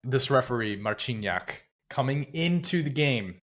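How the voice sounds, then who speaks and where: A man co-hosting a casual sports podcast, relaxed and conversational as he moves through the segments. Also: mid-range voice, moderate pace. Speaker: podcast co-host.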